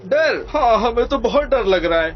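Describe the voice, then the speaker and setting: Shouting thuggish henchman. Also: very high voice, very animated, measured pace, full character voice. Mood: bullying. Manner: shouting, jeering, bossy. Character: loud bullying male henchman of a young lord. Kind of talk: Hindi film dub. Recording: dull muffled film audio.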